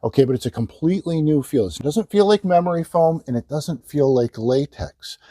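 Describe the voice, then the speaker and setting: A man's voice: fairly high pitch, lively intonation, brisk, mellow, no echo, studio quality. A man presenting a product demonstration as a hard-sell ad, emphatically repeating selling points. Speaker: infomercial presenter and salesman. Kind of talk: sales pitch, product demonstration.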